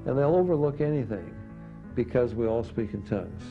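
A man's voice: medium pitch, lively intonation, brisk, creaky. A man giving an assertive, warning teaching talk on a dull lo-fi recording with music.

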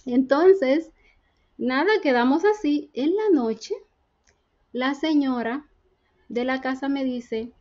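A woman's voice: sits high, slow, long pauses, darkish tone, lo-fi sound. A woman from the Dominican Republic with a Dominican Spanish accent, earnestly telling her faith testimony as a guest and acting out the dialogue she recounts.

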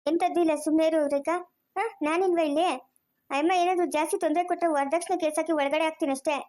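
A woman's voice: very high-pitched, steady tone, fast talker, a little mellow. A woman voicing a caring, protective elder sister in a cartoon who coaxes and comforts. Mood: soothing. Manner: soothing, coaxing, repeats comfort.

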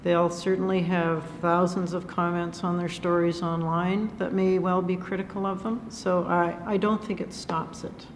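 A woman's voice: on the low side, little pitch movement, normal speed, few pauses, slight background noise. Firm woman journalist on a panel. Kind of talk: panel discussion answer. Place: large lecture hall. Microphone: table microphone. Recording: echoey hall.

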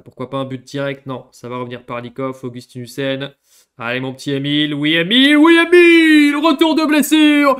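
Young man, game commentary, smooth clear voice, bursts of yelling, low swearing grumbles. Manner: swings between excited yelling and muttered grumbling, swears often. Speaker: gaming YouTuber. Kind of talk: casual gameplay commentary.

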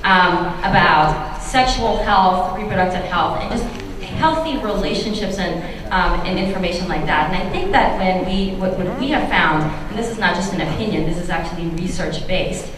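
A woman's voice: on the low side, normal speed, crowd noise. Earnest woman panelist in an echoey hall. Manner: earnest, many um fillers. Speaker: panelist for a health care organization. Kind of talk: panel discussion. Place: large convention hall, seated at panel table. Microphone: table mic on stand, recorded from far camera. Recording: echoey hall recorded from far off.

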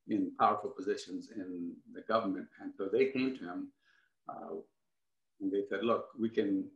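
A middle-aged man with a lowish voice recounts his family's past, earnest and full of restarts. He talks over a video call from a home room that sounds echoey. The sound is a little muffled. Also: a bit bright. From Ghana. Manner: earnest, many restarts and asides. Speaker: guest. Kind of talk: conversational storytelling. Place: home room with wooden furniture.

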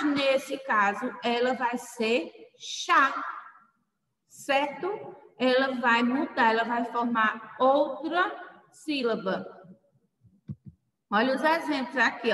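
A woman's voice: a little high, sharp tone. A woman teacher patiently explaining a spelling lesson to children, spelling out letters one by one. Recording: echoey room, mic far off.

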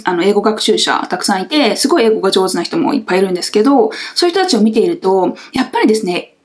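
A woman who runs an English school, talking casually to camera about learning and acting out little reactions as she goes. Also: a little high. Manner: animated, chatty, acts out small quoted reactions. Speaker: English school owner and teacher.

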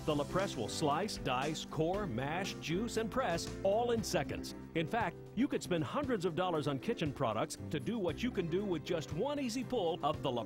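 A man reading a scripted product voice-over with an enthusiastic selling delivery. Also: on the high side. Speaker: infomercial narrator. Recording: music bed under voice. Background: music.

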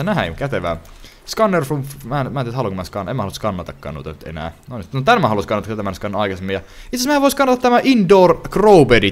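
A young man hosts a casual gaming session, narrating each find as it happens. His voice sits fairly low, but his pitch jumps around a lot. He rambles and often restarts his sentences midway. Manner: lively, rambling, thinks aloud with frequent restarts. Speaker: gaming channel host. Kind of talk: let's play commentary.

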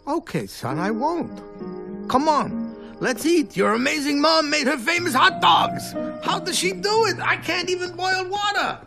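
An actor voicing a cheerful, bumbling cartoon father with a high, gravelly voice and a jovial, self-mocking manner. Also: expressive, unhurried, over music, full character voice. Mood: cheery. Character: goofy cheerful dad, bumbling.

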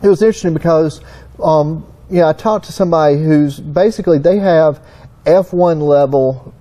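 Middle-aged Southern US man, folksy technical explainer; high-pitched, mellow tone. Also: normal speed. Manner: folksy, storytelling. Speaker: engine consultant.

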